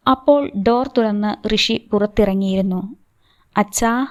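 A woman narrating a novel as an audiobook, with slow, even storytelling delivery. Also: mid-range voice. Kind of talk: novel reading.

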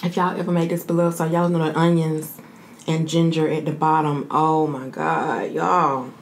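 A woman's voice: sits low, completely flat delivery, a little fast, a little mellow. A woman in her thirties chatting casually as a mukbang host, talking while eating and savoring her food. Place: small room indoors, seated at a table. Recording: noticeable room noise.

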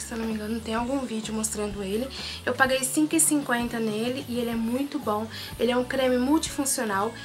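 A woman's voice: fairly high pitch, a bit bright. A young Brazilian woman with a Brazilian Portuguese accent, chatting casually about her pharmacy haul and reading product labels aloud, in a small room on a camera mic. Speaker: beauty vlogger. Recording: background music throughout.

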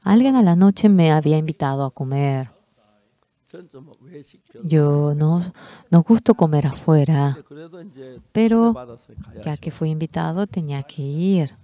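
An interpreter voicing a pastor's sermon live, with animated delivery and big pitch jumps in the quoted dialogue. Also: a little slow, long pauses, dull audio.

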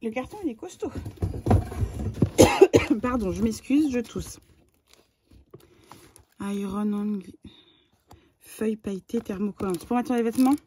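A middle-aged woman with a French accent chats her way through an unboxing, excitable and talkative, repeating words and filling pauses. Her voice is mellow and dark-toned. A faint hiss of noise sits under the recording. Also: a little high. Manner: chatty and excitable, lots of fillers and repeated words. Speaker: vlogger. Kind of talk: casual unboxing chat.

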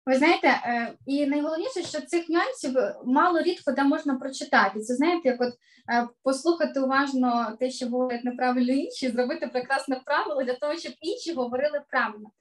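Middle-aged woman voice coach, high pitch, online class, emphatic and clear. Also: fast talker. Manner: clear, emphatic teacher delivery, stresses key words. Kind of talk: online lesson to children.

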